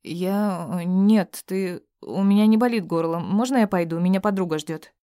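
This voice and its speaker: A woman's voice: fairly low pitch, normal speed, warm tone, dry recording, studio quality, natural voice. A woman voicing a shy, nervous eighteen-year-old girl who speaks hesitantly, in an audiobook reading. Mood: flustered.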